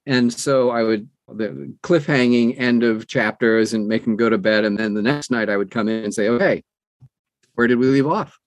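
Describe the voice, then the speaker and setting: A man in his sixties, an audiobook narrator appearing as an interview guest, tells personal stories with lively energy, acting out the quoted dialogue. His medium-pitched voice moves at normal speed, and the poor-quality audio has no room sound.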